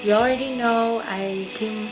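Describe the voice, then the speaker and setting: Late at night, a young adult woman from the Philippines vlogs casually into her phone camera, sleepy and rambling, hesitant with many fillers. Her fairly high voice has fairly even intonation and a measured pace, heard over music in a low-quality recording.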